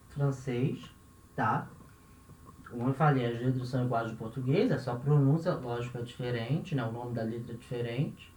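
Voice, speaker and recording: A man's voice: medium pitch, darkish tone, slight background noise. A Brazilian man teaching a language lesson, patiently repeating each example word and checking in with the listener after nearly every phrase. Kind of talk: classroom-style language lesson. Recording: roomy, dull lo-fi recording.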